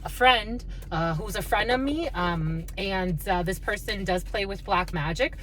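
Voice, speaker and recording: A woman host giving an intuitive tarot reading to her viewers, with halting, repetitive phrasing and affectionate asides to listeners. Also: medium pitch, a bit bright. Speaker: tarot card reader, channel host.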